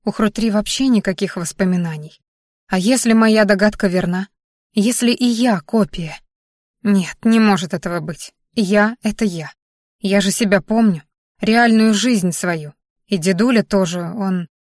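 A woman's voice: medium pitch, unhurried, darkish tone, no echo. A woman reading a first-person audiobook in a wry, anxious inner-monologue manner, often questioning herself. Her voice sits in a middling range. The recording is dry and close. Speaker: audiobook narrator.

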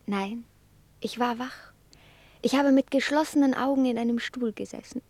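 An actress playing an impulsive, ardent young merchant's daughter in a 1950s German radio play, often speaking in a breathy half-whisper. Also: female voice, fairly high pitch, moderate pace, darkish tone, lightly acted. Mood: tender.

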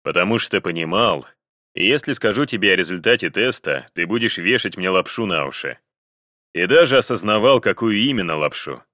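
A man voicing a betrayed husband who speaks slowly, grimly and wearily in an audiobook. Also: low voice, lively intonation, pushed and bright, no room sound, clean studio sound. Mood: weary. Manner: slow, grim, clipped. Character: betrayed husband, grim and weary. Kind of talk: audiobook character voice.

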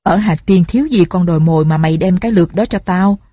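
A woman's voice: on the low side, fast talker, warm tone, breathy edge, no echo, clean studio sound. A woman voicing a ruthless, suspicious male bandit chief who talks in a harsh, threatening way. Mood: menacing.

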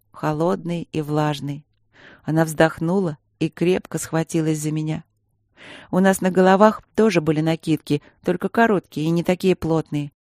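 A woman narrating a novel in the first person, with even, expressive storytelling. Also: on the low side, no room sound, clean studio sound. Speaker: audiobook narrator.

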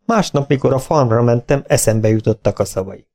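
A man reads aloud an audiobook in a calm, even way. His voice sits in the middle of the male range and keeps a steady storytelling pace. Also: medium pitch. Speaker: audiobook narrator. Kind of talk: scripted audiobook narration.

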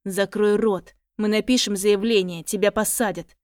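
A woman voicing a hot-tempered, remorseful middle-aged father who pleads and shouts. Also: medium pitch, fairly even intonation, a little slow, no echo, clean studio sound, close to an everyday voice. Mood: furious.

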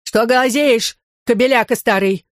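A woman's voice: a little high, normal speed, no echo, studio quality, voice pushed up, close to an everyday voice. A woman reading an audiobook, voicing a spiteful, dried-up old wife who screeches abuse. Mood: venomous.

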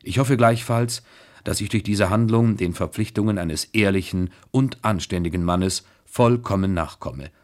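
A man narrating a classic novel as a measured, expressive radio reading. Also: on the low side.

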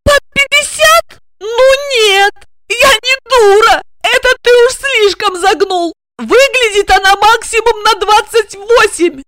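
A woman voicing a jealous, tearful young woman who hurls shrill, sobbing accusations at her boyfriend in an audiobook drama. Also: wildly swooping pitch, normal speed, fairly bright tone, no room sound, studio quality, exaggerated voice.

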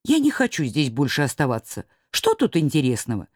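A woman's voice: rumbling low, wildly swooping pitch, a little fast, no room sound, clean studio sound, full character voice. A woman voicing a capricious tiny male elf who is fussy, whiny and easily bored, in a storybook reading. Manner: whiny, sulky.

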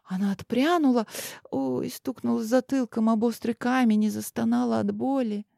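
A woman narrating a fantasy audiobook in an expressive, tense manner. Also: a little high, normal speed, gravelly, dry recording, studio quality.

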